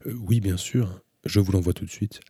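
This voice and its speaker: A man voicing a polite young woman who calls out loudly from far above, asking questions. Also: sits low, fairly even intonation, moderate pace, husky, dry recording. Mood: questioning. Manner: raised, calling out from far above.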